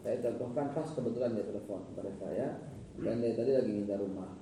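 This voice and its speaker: Joking preacher in echoey hall. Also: male voice, lowish voice, brisk. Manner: joking, chatty preacher mixing Arabic phrases. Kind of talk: weekly religious lecture. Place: large echoing study hall. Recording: echoey hall from far off, noisy.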